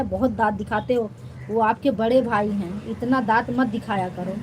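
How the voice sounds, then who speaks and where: A woman's voice: mid-range voice, noisy background. A young woman hosting a casual live stream on her phone, reading comments aloud and teasing her viewers playfully. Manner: teasing, playful, laughing often.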